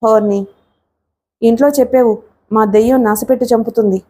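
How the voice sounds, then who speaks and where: A woman's voice: on the high side, fairly even intonation, normal speed, warm tone, close to an everyday voice. A woman voicing a friendly, supportive teenage schoolgirl in an audiobook. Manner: encouraging, friendly. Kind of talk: audiobook character reading.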